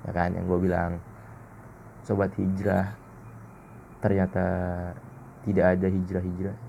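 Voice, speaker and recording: A man's voice: low-pitched, monotone, measured pace, gravelly, mellow, highs cut off, slight background noise. A man hosting a casual solo podcast, blunt, slangy and self-mocking. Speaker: podcast host.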